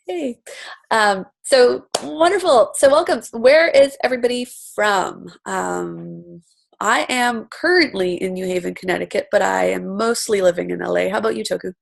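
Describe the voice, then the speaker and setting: A Romanian woman hosts an online coaching session on a video call, upbeat and chatty, greeting each guest by name as she welcomes and introduces them casually. Her voice is medium-pitched with vocal fry, and she speaks at a normal speed.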